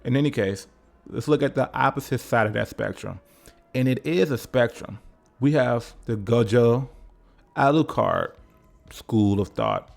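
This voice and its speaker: A man's voice: mid-range voice, creaky. A man narrating a casual comedic video essay, full of jokes, profanity and conversational asides to the viewer.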